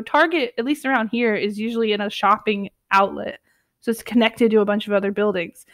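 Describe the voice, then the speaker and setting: A woman's voice: on the high side, dry recording, studio quality. Chatty, giggly young woman. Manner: chatty, giggly, lots of filler words. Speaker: channel host reading stories. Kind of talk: casual reading of online stories.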